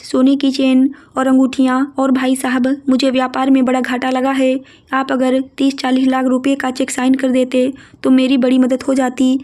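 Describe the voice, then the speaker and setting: A woman reading the lines of a grasping middle-aged younger brother in a storybook tale, speaking louder in a wheedling way. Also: high-pitched, natural voice.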